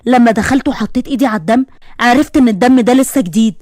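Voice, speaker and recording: Egyptian woman telling a scary story fast, kinda high voice, dry close mic. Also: darkish tone, a little hiss or hum. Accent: Egyptian Arabic. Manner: suspenseful, brisk narration. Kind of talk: first-person horror story narration.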